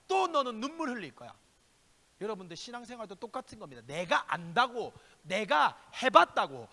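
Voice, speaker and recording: High-voiced impassioned male preacher. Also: big-room sound. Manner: impassioned preaching, shifting between loud exhortation and hushed asides; speaks directly to listeners with rhetorical questions. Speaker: youth pastor. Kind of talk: youth sermon. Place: church sanctuary.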